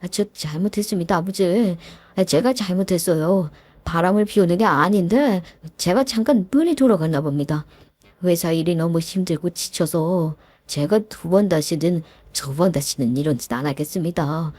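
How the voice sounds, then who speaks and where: A woman's voice: fairly low pitch, normal speed, darkish tone, no echo, pitched below the performer's own voice, lightly acted. A woman voicing a cheating husband who grovels and begs forgiveness in a told story. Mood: groveling. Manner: groveling, pleading apologies. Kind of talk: storytelling with voiced characters.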